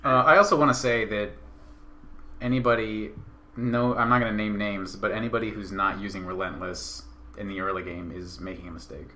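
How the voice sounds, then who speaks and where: A man's voice: lowish voice, steady tone, brisk, sharp tone. A man commenting casually on a game speedrun, joking and bragging about his own records.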